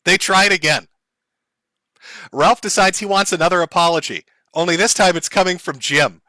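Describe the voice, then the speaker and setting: A man's voice: high voice, moderate pace, bright, forceful tone, no room sound. A man hosting a stream, telling a story in a profane, sarcastic way with frequent laughs and mock voices. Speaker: commentary streamer host. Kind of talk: mocking stream commentary.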